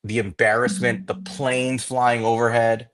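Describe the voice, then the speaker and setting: A man co-hosting a fan sports podcast, giving an impassioned, profane rant that builds into angry shouting. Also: medium pitch, little pitch movement, a little slow. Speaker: podcast co-host.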